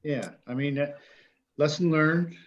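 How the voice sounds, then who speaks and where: A man's voice: fairly high pitch, unhurried. Blunt man on a dull-sounding call. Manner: blunt, frank. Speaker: meeting participant. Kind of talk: casual video call chat. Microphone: video call.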